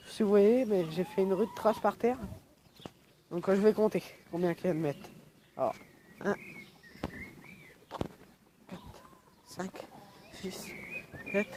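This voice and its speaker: A young man, sick with a cold, records his yard outdoors with a phone camera for a casual vlog, rambling through lots of fillers. His high voice has a darkish tone over slight background noise.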